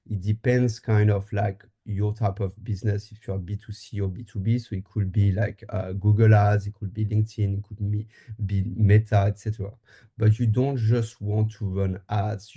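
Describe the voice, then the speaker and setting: A man from France, a marketing agency co-founder, answering interview questions in a relaxed way with frequent fillers and restarts. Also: lowish voice. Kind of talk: casual interview talk. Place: Taiwan.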